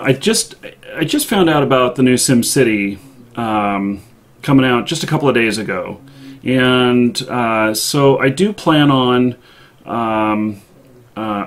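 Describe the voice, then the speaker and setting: A man with a mid-range voice hosts a live show, chatting casually about games. He speaks haltingly, pausing mid-thought.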